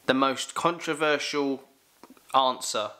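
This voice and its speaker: A young man with a London accent, casually answering Q&A questions in a jokey, animated way. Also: mid-range voice, slow pace. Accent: London English. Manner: animated, jokey, exclaims loudly. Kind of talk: casual Q&A chat.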